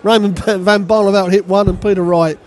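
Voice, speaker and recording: Male darts pundit, high voice, chatty expert analysis. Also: steady tone, normal speed, a little hiss or hum. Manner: chatty, opinionated co-commentator. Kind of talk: live sports commentary.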